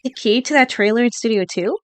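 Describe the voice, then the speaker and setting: A woman's voice: fairly high pitch, fast, no room sound, natural voice. A woman voicing an earnest young male defense lawyer with a dry, wry manner. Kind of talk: fan voicing of a game.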